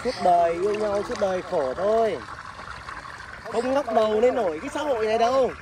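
A cruel, arrogant skeleton voiced by a man for a fan audio drama. He sneers and taunts in a fairly high voice, boastful and mocking about money. The recording is homemade and carries clear background noise. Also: fairly quick, distant mic, close to an everyday voice. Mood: sneering. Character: arrogant rich male skeleton, cruel ex-lover.

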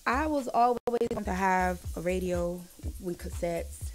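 A woman in her forties, a singer chatting in a casual live-stream interview, animated and quick to giggle. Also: on the low side, soft background music. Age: 40s. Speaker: singer guest.

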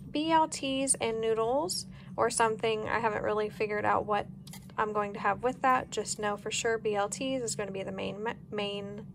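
This casual grocery haul and meal plan narration comes from an American woman who vlogs from home, speaking plainly and easily into a handheld device. Her medium-pitched voice has vocal fry, fairly even intonation and a moderate pace, with noticeable home kitchen noise behind it.

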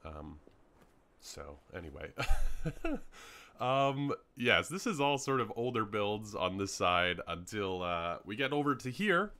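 A young man talks his way through a game world in loose, rambling commentary, dropping ums as he goes. His voice sits a bit low yet swings up and down with plenty of life, and his tone is bright. He sounds a little worn, as though his voice is starting to give out. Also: very animated, takes it slowly. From Canada. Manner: rambling, chatty, many ums. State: hiccups, voice starting to go. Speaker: gaming YouTuber. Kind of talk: casual gameplay commentary.

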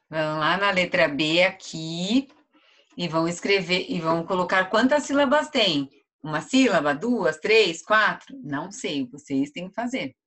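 Slow, bright-voiced Brazilian woman teacher. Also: lowish voice. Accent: Brazilian Portuguese. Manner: slow, stretches out each word syllable by syllable. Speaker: first-grade teacher. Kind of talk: online lesson for young children.

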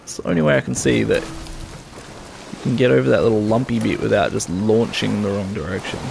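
A man's voice: on the low side, a little fast, gravelly, background noise. Congested man muttering gameplay commentary. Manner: frustrated, swearing, muttering to himself. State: congested, talking through his nose. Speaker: streamer.

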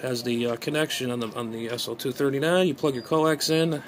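Here a man who vlogs about amateur radio thinks aloud during a casual, unscripted gadget unboxing, muttering and hesitating in a steady mid-range tone. He films in a small bedroom with a phone at arm's length, and the recording is noisy.

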